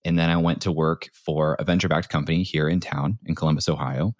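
A very deep-voiced American podcast guest, once a startup founder and now a creator, tells his story at a quick pace with a steady tone. He speaks informally, peppering everything with "like," and the studio-quality audio has no room sound.

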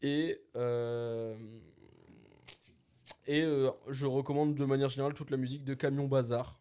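A man's voice: medium pitch, steady tone, unhurried, warm tone, clear, resonant tone. A young man co-hosting a casual podcast, enthusiastic and swearing casually. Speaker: podcast co-host.

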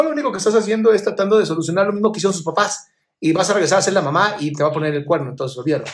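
A man hosting a live stream, reading viewer questions aloud and answering them with frank emotional advice, calling viewers "my love.". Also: on the high side. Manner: affectionate, calls viewers "my love".

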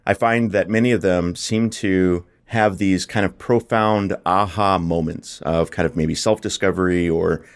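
A man hosting a podcast, reading a scripted introduction and asking his guest questions in a measured way. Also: sits low, steady tone. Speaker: podcast host. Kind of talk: scripted podcast host narration.

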